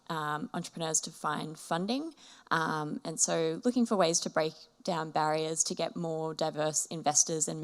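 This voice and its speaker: A woman from a startup network introduces herself in a friendly way, with frequent fillers. Her voice is deep for a woman. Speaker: startup support staff. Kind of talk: self-introduction at a panel.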